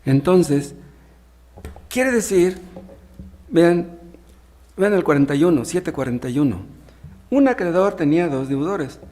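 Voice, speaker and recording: A man's voice: on the high side, expressive, unhurried, long pauses, warm tone. A man preaching a sermon, reading Bible passages aloud and explaining them in plain words with rhetorical questions. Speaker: pastor.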